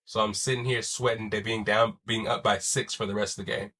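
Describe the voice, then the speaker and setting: Wheezy and stuffy from a chest cold, a young podcast host talks sports on his own in a loose, slangy, swearing style. He speaks fairly quickly with a fairly low, sharp voice and a flat delivery.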